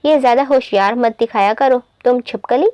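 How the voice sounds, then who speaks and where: A woman's voice: on the high side, brisk, darkish tone, no room sound, lo-fi sound, natural voice. A woman voicing a jealous young woman who snaps and scolds. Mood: annoyed. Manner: snappish, scolding. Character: sulky, jealous young woman, quick to snap.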